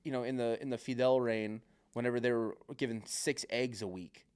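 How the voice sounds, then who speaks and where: A man's voice: mid-range voice, fairly even intonation, moderate pace, darkish tone, smooth. A man chatting casually on a podcast, rambling with lots of filler words and swearing, and acting out other people's remarks.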